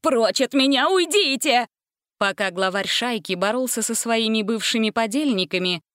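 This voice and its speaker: A woman's voice: mid-range voice, a bit bright, clear, resonant tone, no echo. Woman narrating a storybook, dry. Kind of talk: storybook reading.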